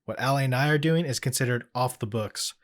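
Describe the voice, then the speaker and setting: A man playing a calm occult expert. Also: medium pitch, no room sound, studio quality, close to an everyday voice. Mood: level. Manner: measured, explanatory. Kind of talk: audio drama acting with narration.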